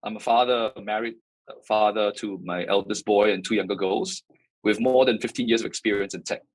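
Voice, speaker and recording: A man in his forties, a company founder and CEO, answering interview questions in a measured way, with frequent fillers and "right?" tags. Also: on the low side, fairly even intonation, rough recording. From Singapore. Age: 40s.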